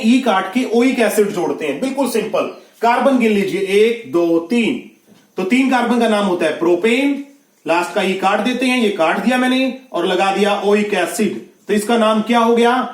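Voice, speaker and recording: A man's voice: sits high, expressive, normal speed. A man teaching a science class online, explaining step by step and often asking whether students have understood. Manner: explains step by step, asks checking questions. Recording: echoey room.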